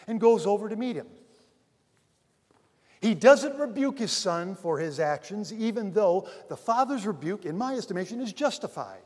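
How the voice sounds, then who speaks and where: Male pastor, high voice, long hall reverb, dramatic loud-soft swings, sermon delivery. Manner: dramatic swings between loud emphasis and near-hushed asides; addresses listeners as dear friends.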